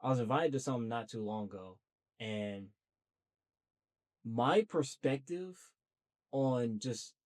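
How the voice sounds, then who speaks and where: Here a young male podcast host, medium-pitched with a darkish tone, delivers a casual solo monologue to camera. He is talkative and earnest, spending a long time on the subject of starting a podcast in a loose, chatty, self-motivating way.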